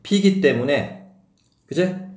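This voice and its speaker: A man's voice: fairly high pitch, expressive, slow pace, darkish tone, reverberant. A man teaching a math lesson, often asking questions to check that his students follow. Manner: questions the students, often asks if they got it. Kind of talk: classroom math lecture.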